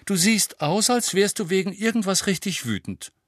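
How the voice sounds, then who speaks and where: A man reading an audiobook, voicing a clever, bossy teenage schoolgirl witch with a brisk, lecturing manner. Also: high voice, sing-song, no echo, clean studio sound, voice pushed up. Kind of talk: audiobook character voice.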